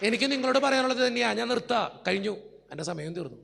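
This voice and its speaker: A male priest preaching with a very high, heavily gravelly voice, earnest and pleading as he speaks straight to his flock. His words ring out with the long reverb of a church hall. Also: lively intonation, quick pace, fairly bright tone, slight background noise. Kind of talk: emotional sermon with personal stories.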